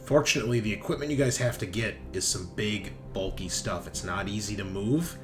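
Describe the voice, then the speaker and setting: Speaking fairly quickly in a lowish voice, this game master narrates a tabletop roleplaying session in a relaxed, conversational way, performing characters' dialogue as he improvises. Music plays loudly behind him.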